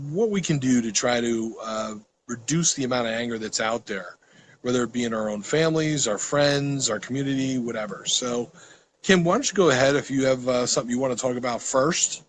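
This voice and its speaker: A man's voice: medium pitch, low-quality recording. A middle-aged man hosting a casual vlog conversation. He talks hesitantly, with many fillers, and teases his co-host. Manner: hesitant, filler-heavy, teasing. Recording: faint background noise.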